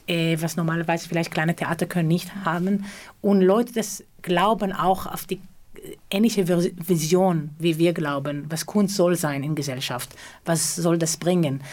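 A woman's voice: lowish voice, a little mellow. A middle-aged woman from Israel, a choreographer, speaking German in an interview, often searching for words. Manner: searching for words, frequent hesitations. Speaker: choreographer and theatre co-founder. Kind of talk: interview answer.

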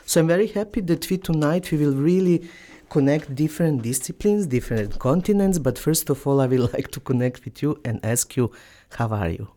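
A woman hosting a radio show from a studio, speaking non-native English in a halting way, with fillers and laughs. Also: sits low, lively intonation, warm tone.

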